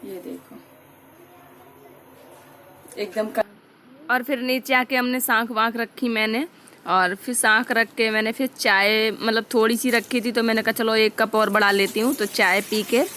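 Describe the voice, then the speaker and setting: A woman's voice: a little high, steady tone, normal speed, pushed and bright, a little hiss or hum. A young adult woman chatting homely and directly to viewers as she narrates a casual home vlog. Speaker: vlogger.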